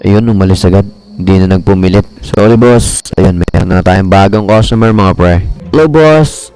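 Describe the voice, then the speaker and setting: A young Filipino man giving lively casual commentary as he plays a game and talks to his viewers. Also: low-pitched, normal speed, clean tone, soft background music. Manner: excitable, talks to viewers as "mga pre". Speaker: gaming streamer.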